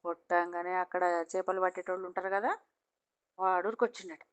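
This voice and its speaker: A woman's voice: fairly low pitch, fairly even intonation, brisk, clean tone. A woman with a Telangana accent telling a folk tale in a chatty, repetitive oral style. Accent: Telangana Telugu. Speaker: storyteller.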